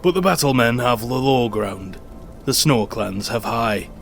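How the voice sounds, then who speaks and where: Doubtful fantasy clansman male actor, creaky mid-range voice, light noise behind. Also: mid-range voice, lively intonation, a little slow. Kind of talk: dark fantasy audio drama acting.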